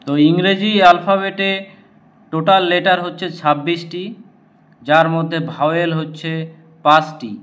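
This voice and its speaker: A man teaching English letter pronunciation in a slow, patient way, repeating each letter. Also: a little high, steady tone, fairly bright tone. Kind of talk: slow spoken lesson.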